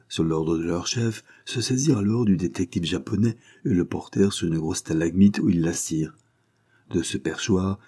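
Brief: male audiobook narrator, very low husky voice, dark tone, steady measured reading. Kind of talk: audiobook reading of an adventure novel.

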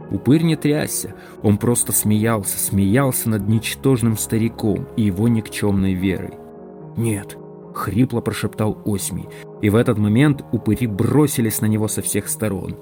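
A man with a fairly low voice reads an audiobook in steady, measured scripted narration. Faint music plays softly underneath his reading.

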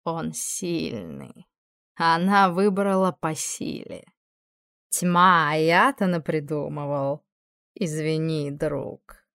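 A woman's voice: sits low, lively intonation, slow, fairly bright tone, clear, resonant tone, dry recording, studio quality, exaggerated voice. Woman voicing a wry, musing young man. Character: man friend of the hero, relieved and wry.

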